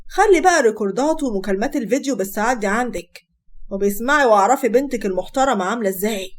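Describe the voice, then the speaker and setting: Storybook figure: a woman doing a betrayed Egyptian husband, curt and bitter, high and fast-spoken. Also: expressive, slight background noise, close to an everyday voice. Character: wronged young husband, bitter and firm.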